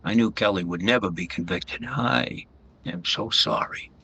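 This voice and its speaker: A man playing a meek, cornered murderer confessing in a radio detective drama, halting and apologetic. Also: low voice, vocal fry, pushed and bright, lo-fi sound, slight background noise, full character voice. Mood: remorseful, panicked.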